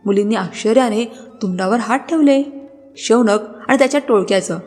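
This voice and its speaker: A woman narrating a scripted story in a dramatic, expressive way. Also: fairly high pitch, fairly quick. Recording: long reverb with background music.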